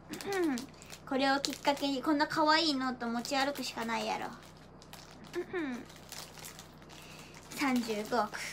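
A teenage idol livestreamer with a high-pitched voice chats casually on a livestream, showing off gifts, excitable and giggly with playful gyaru-style slang and silly sound effects. She's in a small, decorated indoor room, and faint background noise is audible.

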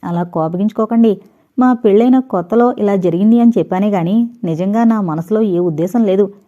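A woman's voice: medium pitch, fairly quick, dark tone, lo-fi sound, natural voice. A woman reading as a teasing young husband. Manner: teasing, chatty, mock-innocent. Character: teasing playful married young man. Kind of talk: audio novel reading.

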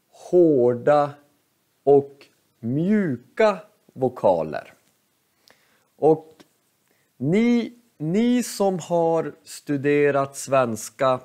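A male teacher giving a slow, clear lesson in short halting phrases, spelling out letters one by one. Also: medium pitch, a little mellow. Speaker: Swedish teacher.

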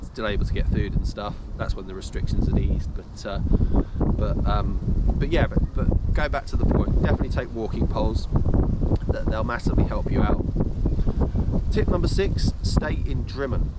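A man in his thirties rambles through hiking tips outdoors, full of ums and restarts. His voice sits fairly low. Loud wind buffets the camera mic the whole time. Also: animated, normal speed. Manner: rambling, many fillers and restarts. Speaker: hiking vlogger. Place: outdoors in a windy park by a tree. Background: loud wind noise.

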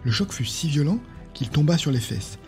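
A male podcast host reading a fantasy novel aloud in a calm, measured narration. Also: fairly high pitch, soft background music.

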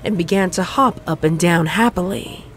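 A woman narrating a fan story in an even storybook reading. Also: on the low side, normal speed, over music. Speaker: fanfic narrator. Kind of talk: scripted narration.

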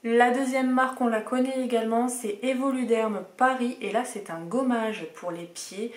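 A woman's voice: fairly high pitch, steady tone, normal speed. A woman chatting casually through a beauty box unboxing, enthusiastic and full of hesitations. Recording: roomy echoey room.

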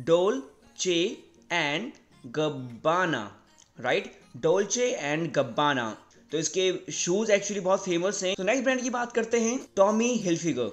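A young Indian man giving a casual video lesson, repeating words slowly and often checking with "right?". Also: high-pitched. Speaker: English teacher.

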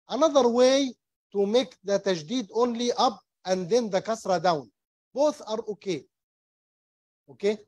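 A man teaching Quran recitation rules, explaining slowly and patiently in English and demonstrating the recitation, repeating each term. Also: high voice, a little mellow, no echo. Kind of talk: slow tajweed lesson, mixing English and Arabic. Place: small mosque classroom.

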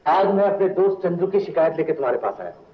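An easygoing young man with a lively, bantering manner. His voice moves around animatedly in a fairly high register. The sound is an echoey, muffled 1960s film soundtrack. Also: fast talker. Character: easygoing young male hero and loyal friend.

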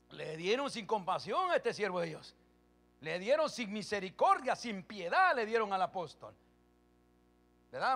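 High, bright-voiced preaching pastor. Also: male voice. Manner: rises from calm Bible reading to loud preaching, with quick questions to the congregation. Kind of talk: sermon.

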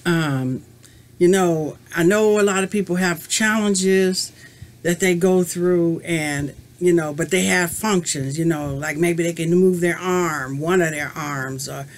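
A woman in her fifties, a crochet vlogger, talks casually to a webcam at desk distance from a small room at home as she answers a tag. Her voice is on the low side and a little slow, and her answers ramble reflectively, with many "you know" fillers.

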